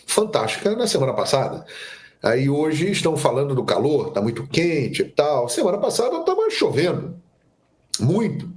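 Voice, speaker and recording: A man giving opinionated football commentary on a sports show, with a nagging cough. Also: mid-range voice. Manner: opinionated, animated delivery.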